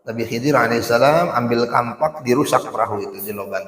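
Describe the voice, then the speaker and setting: A man's voice: mid-range voice, fast talker, fairly bright tone. A man preaching a casual sermon, telling stories with rhetorical questions to the audience and reciting Arabic. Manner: colloquial speech with Arabic recitation. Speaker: Islamic preacher. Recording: echoey hall reverb.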